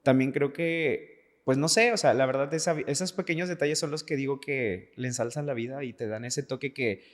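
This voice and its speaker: A Mexican dancer from Veracruz, somewhere in his late twenties to thirties, speaks as a podcast guest in a mid-range voice at a moderate pace. He talks earnestly and personally, repeating words for emphasis, with echoey, hall-like reverb on the recording.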